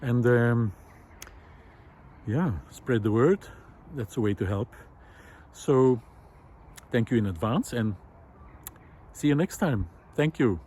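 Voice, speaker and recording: Strolling through a snowy park, a vlog host speaks slowly and expressively, leaving long pauses in his reflective, unscripted talk with its hesitant phrasing. His voice is mid-range, and the background is noisy.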